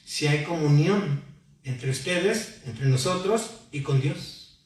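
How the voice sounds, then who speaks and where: A man's voice: on the high side, slow pace. Man preaching in an echoey church. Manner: preaching with call-and-response questions to the congregation. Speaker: pastor. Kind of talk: sermon. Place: church hall. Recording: very echoey hall, mic far off.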